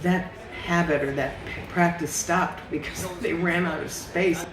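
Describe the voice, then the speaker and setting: A woman's voice: lowish voice, fairly even intonation, measured pace, a crowd in the background. A woman in her seventies speaking in a hesitant, good-humored way in a documentary interview. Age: 70s. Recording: distant and roomy with background noise.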